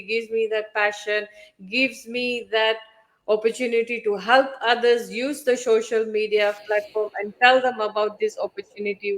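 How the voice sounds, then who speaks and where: A woman's voice: fairly high pitch, a bit bright, poor audio. A woman giving an earnest personal testimonial about herself. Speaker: speaker sharing her story.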